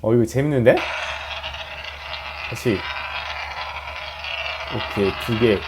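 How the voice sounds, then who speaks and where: A man's voice: mid-range voice, slow pace, background noise. A man hosting a gaming channel, giving playful commentary on mobile games as he plays, yelping and groaning at misses and cheering at wins. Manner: excitable, yelps and groans at failures, cheers at wins. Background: game music.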